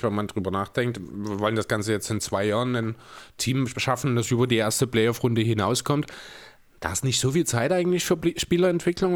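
A man co-hosting a casual podcast, talking in a measured, analytical way with frequent chuckles. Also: mid-range voice. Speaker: podcast co-host. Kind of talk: casual basketball chat. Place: room with closed soundproof windows.

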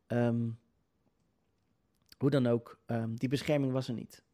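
A man with a dark, mellow tone tells a personal story straight to the listener. His delivery is hesitant and unscripted, full of filler sounds and broken-off sentences that he restarts. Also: medium pitch. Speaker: video creator telling a personal story.

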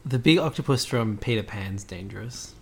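An easygoing man chatting on a casual podcast, laughing readily. His pitch moves around a lot, keeping his voice animated. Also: normal speed. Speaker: podcast co-host. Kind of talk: casual chat.

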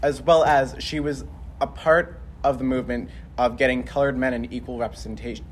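A man's voice: medium pitch, steady tone, fairly quick, slight background noise. A young man co-hosting a casual podcast chat, teasing and cutting in with jokes. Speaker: podcast co-host.

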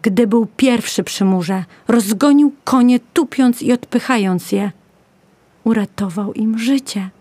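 A woman narrating a children's story in a gentle, measured way. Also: a little high, no echo.

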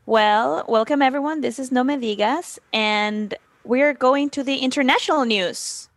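A woman, co-hosting a casual podcast, animated and joking. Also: high voice, moderate pace, no echo. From Mexico. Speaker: podcast co-host. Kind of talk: casual chat.

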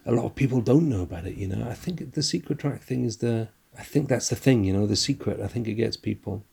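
A man's voice: mid-range voice, fast, creaky, mellow, husky. A man with a broad, strong Scottish accent chatting casually and in a rambling, self-deprecating way as a podcast host. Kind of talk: casual chat.

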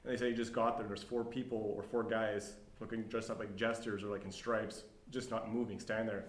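A man's voice: lowish voice, level tone, fairly quick. A man hosting a casual interview, friendly and encouraging, telling a story between questions. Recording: echoey room.

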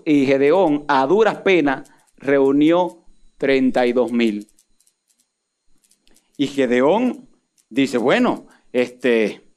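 A man preaching a sermon, swinging from loud emphatic peaks down to low asides. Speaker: pastor.

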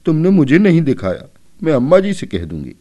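A man voicing a tearful, pleading little girl with a shrill, whiny voice in a storybook reading. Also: sing-song, fairly quick, darkish tone. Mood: tearful threatening.

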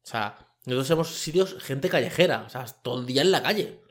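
A man's voice: mid-range voice, lively intonation, a little fast. A man, hosting a podcast as a colloquial, rambling opinion monologue into a microphone. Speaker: podcast host. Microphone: microphone with camera.

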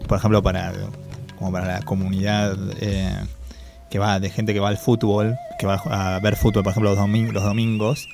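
A man's voice: on the low side, level tone, moderate pace, music in the background. A man with a Rioplatense Spanish accent, chatting casually as co-host and thinking aloud with many fillers. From Argentina. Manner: thoughtful, hesitant with many fillers. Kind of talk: casual conversation.

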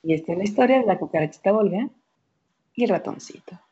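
A woman storyteller telling a fable in a lively, playful way, checking in with "¿no?" tags. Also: medium pitch, quick pace, husky, dull audio. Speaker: storyteller, guest.

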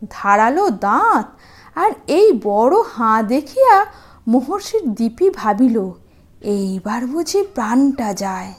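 A woman with a high voice tells stories to small children. Her delivery is slow and very animated in pitch. She sounds sweet and sing-song, like an expressive storybook reader. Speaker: storyteller hosting a children's channel.

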